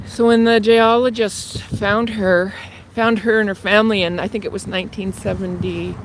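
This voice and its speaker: A woman's voice: mid-range voice, fairly even intonation, moderate pace. A woman in her fifties from Canada, chatting to viewers on a phone while walking through the city, a little out of breath. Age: 50s. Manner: chatty, rambling, talks to viewers. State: slightly out of breath. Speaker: livestream host. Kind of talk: casual chat while walking. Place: outdoors in a city, near traffic and train tracks. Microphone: phone held while walking. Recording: outdoor traffic noise.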